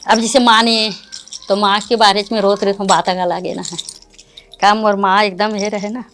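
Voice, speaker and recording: A woman's voice: mid-range voice, level tone, moderate pace, a bit bright, slight background noise. An older woman with a Chhattisgarhi accent, a folk singer talking unhurriedly in an interview, laughing often. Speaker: Bharthari folk singer, guest. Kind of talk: casual interview talk.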